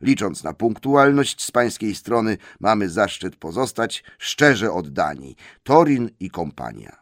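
A man's voice: on the low side, sing-song, measured pace, dry recording, clean studio sound. A man voicing a formal, pompous letter from a company of dwarves in an audiobook, stiff and businesslike.

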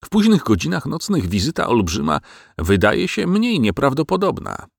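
A man narrating an audiobook in an expressive storytelling manner. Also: medium pitch, moderate pace, creaky, husky, no room sound, clean studio sound.

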